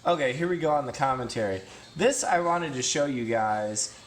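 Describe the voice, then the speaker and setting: A man's voice: mid-range voice, expressive, moderate pace. A man in his thirties talking casually about his training and commenting on workout footage, rambling and self-deprecating, with many fillers and restarts. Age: 30s. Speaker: vlogger and strength athlete.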